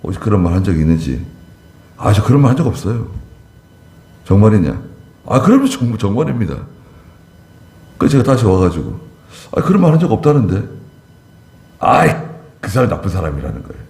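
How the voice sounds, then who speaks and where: A man's voice: fairly low pitch, very animated, brisk, gravelly, pauses often, a little mellow, echoey room. A male pastor preaching a conversational sermon, acting out short dialogues in a church.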